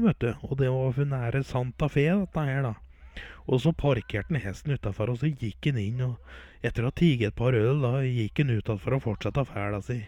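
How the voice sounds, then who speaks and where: A man's voice: medium pitch, warm tone, no echo. A man telling rambling folksy jokes in a casual comic style. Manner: rambling folksy joke-telling with filler words. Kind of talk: comic storytelling and sports commentary.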